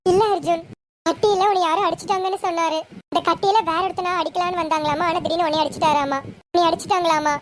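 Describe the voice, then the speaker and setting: A woman's voice: extremely high pitch, fairly even intonation, fast, a little hiss or hum. A young woman voicing a tearful, caring sister-in-law in a homemade serial. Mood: worried.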